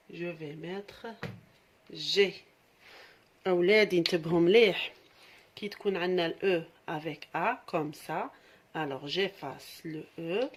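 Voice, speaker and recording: A woman teacher, patiently taking young pupils through a French lesson and explaining in Arabic. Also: on the low side. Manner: patient, slow dictation, switching into Algerian Arabic to explain. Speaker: primary school French teacher. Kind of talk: classroom lesson for children.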